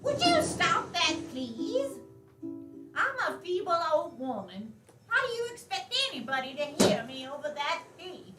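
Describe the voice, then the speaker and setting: An indignant, feeble farm widow in her eighties , acted by a woman, talks in a high, slow voice. She complains in a folksy, drawn-out way on an echoing stage, far from the mic, with music behind her. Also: sing-song. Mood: indignant, complaining. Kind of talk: stage play monologue. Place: theater stage, distant mic.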